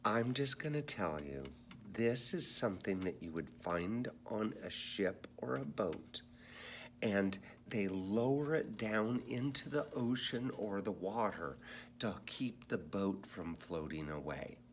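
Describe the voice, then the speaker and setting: Slow, lively phonics teacher, deep voice. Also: male voice, a little hiss or hum. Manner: sounds out letters slowly and encouragingly. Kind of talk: phonics lesson for young children.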